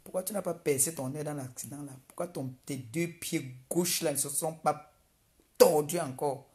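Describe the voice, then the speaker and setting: A woman's voice: low-pitched, normal speed, mellow. A woman on a live video, taunting someone she dislikes and repeating insults over and over. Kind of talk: mocking live-video rant.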